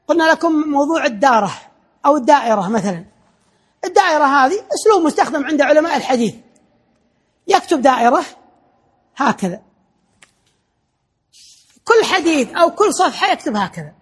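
Male lecturer, high voice, explanatory classroom delivery with restarts. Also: breathy edge. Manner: explanatory, repeating points, frequent restarts.

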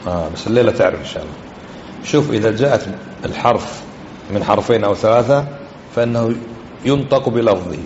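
Expressive and fast-talking, this man's fairly low, slightly mellow voice carries a lesson on hadith and grammar, broken by long pauses. As a religious teacher he keeps quizzing his class with repeated questions; the audio is echoey, dull, lo-fi, and faintly hissy.

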